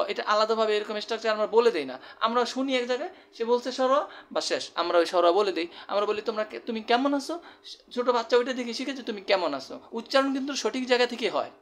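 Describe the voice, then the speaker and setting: A man's voice: sits high, vocal fry, fairly bright tone. A man from Bangladesh teaching Quran recitation rules in an explanatory, repetitive way, with many fillers. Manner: explanatory, repeats terms, frequent fillers. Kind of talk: spoken Quran recitation lesson.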